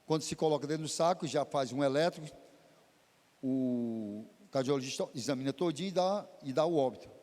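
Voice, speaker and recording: A pastor gives an emotional, dramatic testimony as part of a church sermon, his pitch rising and falling sharply. He speaks fairly quickly in a darkish voice, followed by a long reverb tail.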